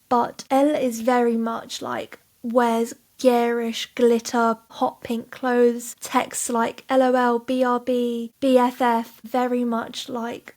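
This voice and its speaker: A woman's voice: on the high side, a little mellow. A woman co-hosting a podcast, chatting casually and recapping book plots at length. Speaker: podcast co-host. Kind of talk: casual chat about books.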